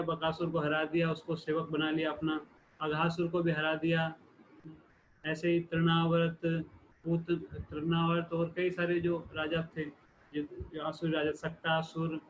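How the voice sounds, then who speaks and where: A man giving a sermon, retelling a scripture story in a steady explanatory way with frequent restarts. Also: on the high side. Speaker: preacher. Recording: phone-like lo-fi recording with faint hiss.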